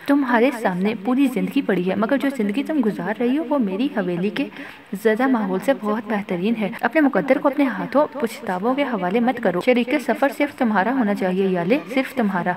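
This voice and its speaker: A woman's voice: a little high, a crowd in the background, natural voice. A woman voicing a firm, resolute young man weighed down by guilt in a storybook reading. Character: young man, firm, guilt-ridden secretly married suitor.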